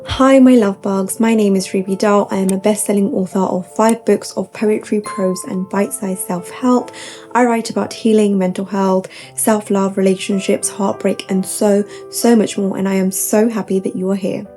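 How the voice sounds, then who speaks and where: A woman's voice: mid-range voice, little pitch movement, normal speed, dark tone, faint music behind. A young woman giving upbeat, tidy self-help advice to camera, point by point, with gushing emphasis and repetition.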